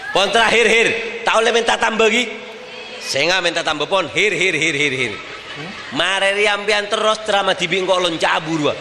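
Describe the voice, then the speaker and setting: A man with a Madurese accent preaching a lively sermon to a women's gathering. He talks emphatically and keeps asking the crowd rhetorical questions. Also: high voice, moderate pace, background noise. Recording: echoey reverberant hall.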